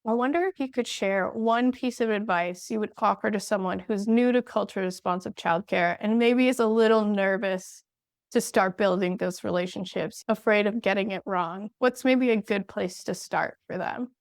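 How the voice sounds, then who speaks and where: Woman podcast host, smooth clear voice, dry close sound, calm and appreciative. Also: mid-range voice, dry recording. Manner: appreciative, measured, reflective. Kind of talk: podcast interview hosting.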